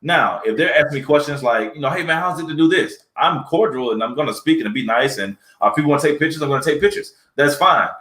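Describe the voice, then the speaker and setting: A male comedic actor as an interview guest, talking in a relaxed, chatty way and acting out the people in his stories. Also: mid-range voice, quick pace, hardly any pauses. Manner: relaxed storyteller, acts out quoted people. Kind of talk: casual interview chat. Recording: roomy echo.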